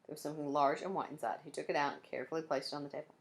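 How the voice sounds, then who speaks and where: A woman teacher with a low voice races through a children's chapter book, her intonation fairly even. She reads aloud with friendly asides to her young listeners.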